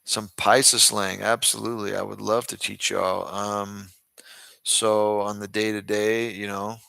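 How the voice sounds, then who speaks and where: A man's voice: on the low side, flat delivery, slow, creaky, sharp tone, clean tone, dry recording. A man from the United States chatting casually and informally as host, speaking directly to his viewers. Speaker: host, boxing club trainer. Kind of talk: casual livestream chat.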